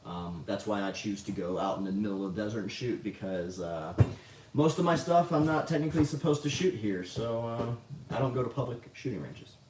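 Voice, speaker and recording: A lower-voiced man chatting casually on a livestream, rambling, swearing freely and poking fun at himself. He sits back from the mic, so his voice carries a roomy echo. A faint hum of noise sits underneath. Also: lively intonation, a little fast, recorded from a distance. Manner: rambling, profane, self-mocking. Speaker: livestream host answering chat.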